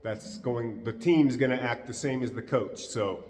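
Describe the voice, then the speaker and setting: A man talks calmly and casually as a dog trainer, explaining while he works. His mid-pitched voice sits back from the mic, and a long, roomy echo trails after his words. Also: a little slow, far from the mic. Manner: calm, easygoing, explains as he works.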